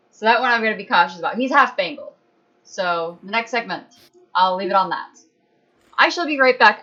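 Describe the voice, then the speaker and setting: A woman's voice: mid-range voice, bright, forceful tone, muffled recording. A woman chatting casually on a podcast stream in a chatty, apologetic way. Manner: chatty, apologetic, talks about her cats.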